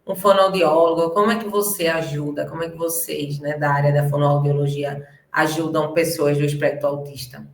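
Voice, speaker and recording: A woman's voice: low voice, fairly even intonation, normal speed, hardly any pauses. Brazilian woman hosting, in an echoey room. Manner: personal, talks to the audience directly. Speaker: host. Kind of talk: live conversation, asking questions. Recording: roomy echo.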